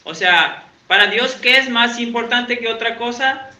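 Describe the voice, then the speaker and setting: Speaking at a measured pace with a very high-pitched, sharp voice, this man preaches a chatty sermon in a Uruguayan church. He's an evangelical pastor from Santiago, Argentina who quizzes his listeners and jokes about himself, captured in echoey, dull lo-fi audio.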